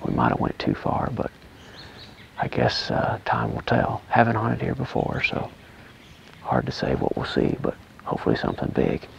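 A man quietly narrating a hunt from a tree stand in the woods, much of it half-whispered. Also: a bass voice, huge pitch swings, moderate pace, creaky, dull audio, slight background noise. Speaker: hunting vlogger.

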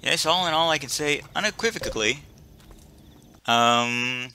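A man's voice: a little high, animated, a little slow, bright, forceful tone, a little hiss or hum. A man giving casual commentary while playing a video game, with dry, rambling asides. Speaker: gameplay commentator. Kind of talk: casual let's-play commentary. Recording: game music behind the voice. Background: game music.

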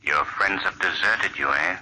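The Shadow, a commanding invisible phantom of a 1940s radio drama. His voice is low and forcefully sharp, and he speaks in a measured, deliberate calm that carries menace. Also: a little hiss or hum, full character voice, poor audio.

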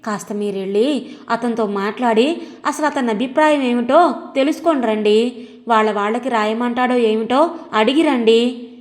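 A woman's voice: on the high side, moderate pace, natural voice. A woman voicing an anxious middle-aged wife who pleads and coaxes her husband, recorded with long reverb. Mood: pleading.

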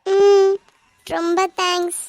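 A timid creaky-voiced schoolgirl. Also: extremely high pitch, level tone, no room sound, exaggerated voice. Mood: grateful. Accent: Kanyakumari Tamil. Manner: hesitant, pleading, quick to tears. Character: shy poor teenage schoolgirl, hard of hearing. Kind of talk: animated cartoon dialogue.

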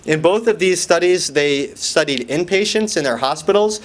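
A man lectures to a hall from his slides, his voice sitting a little high. He talks in a loose, conversational way, full of fillers and restarts, and breaks off to put questions to the audience. His humor is dry and wry. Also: expressive, moderate pace. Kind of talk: conference talk with slides.

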